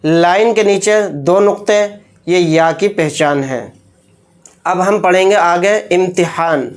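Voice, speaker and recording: This is a teacher leading a beginner alphabet lesson in a patient, repetitive way. Each letter name is stretched out slowly and pronounced with care. After each one, the teacher explains it calmly in a mid-pitched voice. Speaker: Quran reading teacher.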